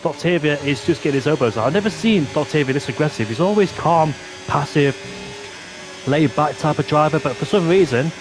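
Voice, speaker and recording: A man giving excitable motorsport commentary on an online sim race, play-by-play, exclaiming at the action on track. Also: fairly high pitch, fairly quick, music in the background. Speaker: esports racing commentator.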